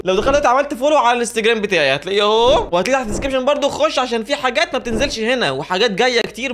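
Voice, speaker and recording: Egyptian guy doing a joking reaction vlog, talks super fast, highish voice, repeats himself a lot. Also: fairly bright tone. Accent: Egyptian Arabic. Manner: joking, self-mocking, repeats phrases. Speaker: YouTube host reacting to clips. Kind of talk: casual reaction commentary.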